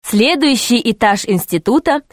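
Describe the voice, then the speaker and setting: A woman narrating a children's adventure story in an even, steady storytelling voice. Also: fairly high pitch, normal speed, no echo, studio quality. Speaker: audiobook narrator. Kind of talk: scripted narration.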